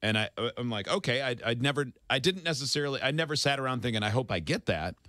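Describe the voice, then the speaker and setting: A man's voice: medium pitch, animated, fast, bright, forceful tone, no room sound, clean studio sound. A man co-hosting a casual morning radio show, telling a story in a wry, chuckling way.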